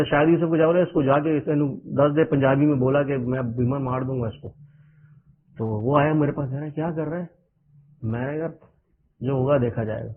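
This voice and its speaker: A middle-aged man from Pakistan, a cricketer guest telling stories in loose, run-on sentences and chuckling often. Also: on the high side. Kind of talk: anecdotal interview storytelling. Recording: narrow phone-like radio audio.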